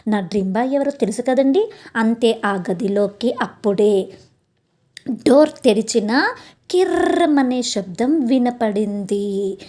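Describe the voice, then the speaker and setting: Speaking slowly with frequent pauses in a slightly high voice, a woman who hosts a channel tells a romantic story in the first person. She's expressive, talks straight to her listeners and acts out the dialogue.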